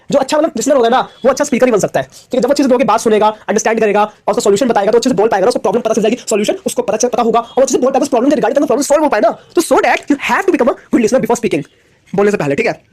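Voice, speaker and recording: A young man giving a casual classroom lecture on business communication, talking in quick repetitive bursts and asking his students whether they follow. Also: extremely high pitch, a little mellow. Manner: rapid, repetitive, asks "theek hai?" often. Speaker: commerce lecturer.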